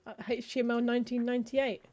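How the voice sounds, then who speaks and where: Talking fast in a fairly high voice with a darkish tone and a flat delivery, a woman streams a cozy game. She reads its text aloud, muttering through lists of book titles and making wry comments in a casual way.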